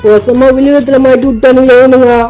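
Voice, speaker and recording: Cartoon gang boss, male, always exasperated, voiced by a woman, high voice, soft music under. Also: steady tone, fairly quick, natural voice. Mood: fed-up. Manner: grumbling, fed-up complaining. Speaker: fan dubber. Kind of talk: fan-made cartoon dub.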